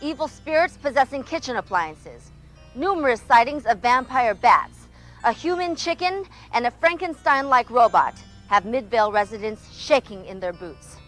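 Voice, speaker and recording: A woman's voice: on the high side, expressive, moderate pace, fairly bright tone, faint music behind, poor audio. A woman voicing a dramatic TV news reporter with a punchy, news-reading delivery.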